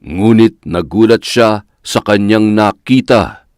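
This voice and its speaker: A man narrating a scripted horror story in a measured, dramatic storytelling way. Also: lowish voice, a little mellow, dry recording, studio quality.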